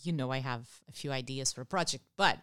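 A woman's voice: a bass voice, quick pace, a bit bright, dry recording, studio quality. A woman in a casual chat, talking loosely and filling her sentences with "you know". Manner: chatty, full of "you know" fillers.

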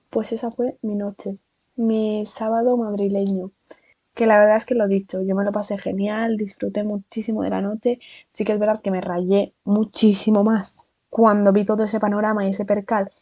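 Young spanish woman gabbing through a storytime, mellow voice, dry close sound. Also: medium pitch, moderate pace, no echo. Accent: Spain. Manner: chatty, animated storytelling with lots of fillers and asides. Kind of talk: casual storytime vlog.

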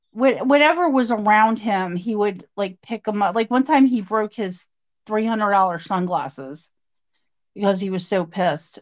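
A middle-aged woman telling her story in a conversational interview, acting out what others said. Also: fairly high pitch. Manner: animated storyteller, acts out quotes. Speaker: guest describing past abuse.

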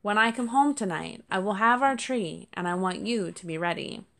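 A woman voicing a gentle, weary father fox who carries the mail, in a storybook reading, speaking softly to his children. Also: mid-range voice, expressive, moderate pace, creaky.

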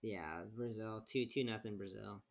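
A man's voice: on the low side, moderate pace, vocal fry, lo-fi sound. A man co-hosting a casual sports podcast who talks hesitantly and often restarts his thoughts. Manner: hesitant, lots of fillers and restarts. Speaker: podcast co-host.

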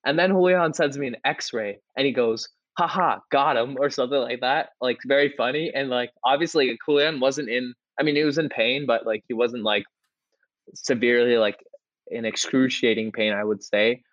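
A young man co-hosting a podcast, telling a story in a casual, excitable way with lots of "like" and restarts. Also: mid-range voice, moderate pace, no room sound, dull audio. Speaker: podcast co-host.

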